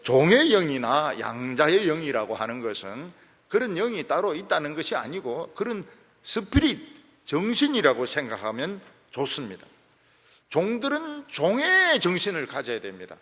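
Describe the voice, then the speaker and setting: A man preaching an afternoon church sermon. He swings between loud emphatic lines and soft, trailing phrase ends. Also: a little high, wildly swooping pitch, moderate pace. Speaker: pastor. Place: church sanctuary. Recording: reverberant church hall.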